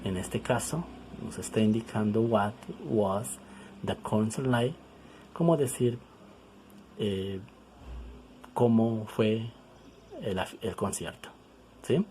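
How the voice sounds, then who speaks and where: A man teaching English in a slow, patient way, with a low and mellow voice. He explains in Spanish, says each English example slowly twice, and often stops to check in with the class. A faint hum of noise sits behind him. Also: rough recording. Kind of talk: recorded language lesson.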